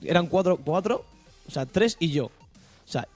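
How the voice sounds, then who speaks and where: A man's voice: on the high side, lively intonation, normal speed, a little mellow, soft background music. A man co-hosting a casual podcast about video games, hesitant and often correcting himself. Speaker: podcast co-host. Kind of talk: casual gaming chat.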